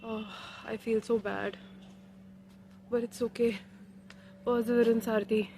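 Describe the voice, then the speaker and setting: This young woman's voice sits a little high, level and mellow, with vocal fry and a measured pace. She's vlogging casually in English and Hindi with an Indian accent, recording on an arm's-length phone outdoors while walking and on a rooftop terrace, plus a bit of hiss or hum.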